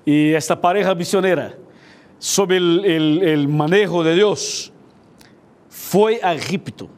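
A man's voice: a little high, slow pace, a little mellow. A man preaching a sermon, retelling a Bible story and often checking in with his listeners through questions. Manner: repetitive, asks listeners "ok?" and "viste?".

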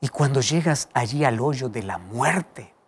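A male preacher delivers a dramatic sermon with a lively pitch that rises and falls widely. He moves from raised, emphatic exclamations to quiet, almost whispered passages. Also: unhurried, husky. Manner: dramatic, swings from loud to hushed.

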